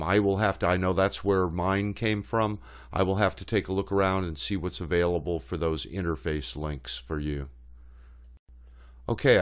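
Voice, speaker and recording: Deep-voiced guy doing a slow screen tutorial voice-over, kinda hesitant, lots of uhs. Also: smooth. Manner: plainspoken, hesitant with frequent uh fillers. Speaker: channel host. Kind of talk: screen-recorded tutorial narration.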